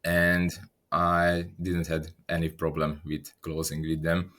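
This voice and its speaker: A young man in his 20s from Slovakia, whose first language is Hungarian, gives measured interview answers in a deep, even voice. He's careful and repeats words while he thinks.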